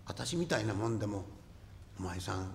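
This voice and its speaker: A rakugo storyteller voicing a tearful Edo-era courtesan with a soft, hushed manner, recorded in an echoing hall. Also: male voice, lowish voice, lively intonation, normal speed, creaky, a little hiss or hum, pitched below the performer's own voice. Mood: coaxing. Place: stage before an audience.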